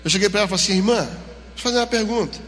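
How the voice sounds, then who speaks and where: A man's voice: high voice, very fast. A man with a Brazilian Portuguese accent preaching a sermon in a church, acting out dialogue as he tells stories. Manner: animated storytelling, acting out dialogue. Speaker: pastor. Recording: long church hall reverb.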